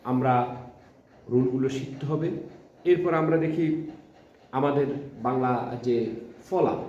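A man with a Bangladeshi Bengali accent gives a classroom lesson in short, halting phrases, repeating each example word slowly. His voice is mellow and dark. He sounds far from the mic in a very echoey room, and the recording is dull with faint background noise. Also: medium pitch. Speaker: college lecturer teaching Bengali pronunciation.

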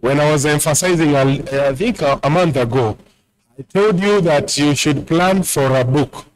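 A man's voice: on the high side, normal speed, rough recording. A man with a Kenyan accent giving a church address, talking directly to the congregation and switching between Swahili and English. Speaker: church speaker presenting books at a camp meeting. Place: large bare church hall, at a pulpit.

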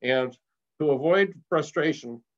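A man's voice: fairly high pitch, animated, a little slow. An older man giving an informal slide presentation at a radio club, rambling with many fillers and restarts and getting enthusiastic. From Rochester area, United States. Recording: slightly dull lo-fi sound.

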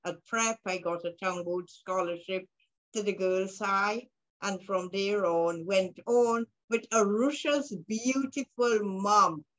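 A woman's voice: medium pitch, highs cut off. A woman in her sixties with a Vincentian accent, talking conversationally about herself as an interview guest. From Saint Vincent and the Grenadines. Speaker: guest, poet and author. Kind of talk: conversational autobiographical interview answer. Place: room at home indoors. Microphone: video call.

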